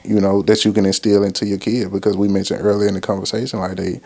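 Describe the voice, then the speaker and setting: A man's voice: lowish voice, flat delivery, fast, gravelly, a little mellow. A man in his thirties co-hosting a casual parenting chat as a father, talking in a laid-back, slangy, reflective way. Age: 30s. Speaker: co-host, father.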